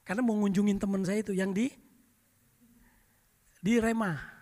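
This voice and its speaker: A middle-aged male pastor preaching, telling lively anecdotes and often turning to address the congregation. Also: high voice, normal speed, in a large hall. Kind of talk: storytelling sermon.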